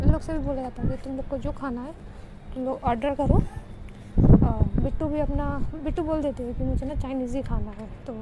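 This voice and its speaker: A woman's voice: high voice, lo-fi sound, very noisy. A woman casually retelling a love story in a chatty way, with lots of fillers and voiced bits of dialogue.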